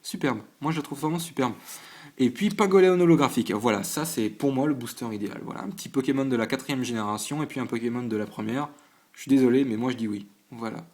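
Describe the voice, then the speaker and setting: Brief: man, mid-pitched, casual host at a home desk, hesitant and stumbling, lists things with quick verdicts. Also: a little mellow. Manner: stumbling, hesitant, full of fillers and restarts; chatty, listing items one by one with quick reactions. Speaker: channel host opening trading card packs. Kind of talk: casual on-camera commentary. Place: at home at a desk under a lamp.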